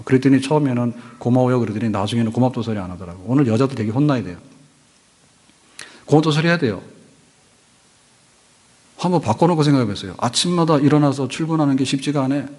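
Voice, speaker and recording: A pastor with a medium-pitched, slightly mellow voice preaches a sermon in a conversational style, weaving in everyday anecdotes and rhetorical questions. The recording carries the reverb of the church sanctuary's hall.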